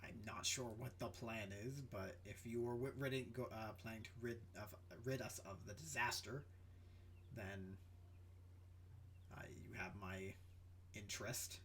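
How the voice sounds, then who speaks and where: A man voicing a wary male band leader who speaks in slow, halting phrases. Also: a little hiss or hum. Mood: hesitant. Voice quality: halting, slow, low and quiet.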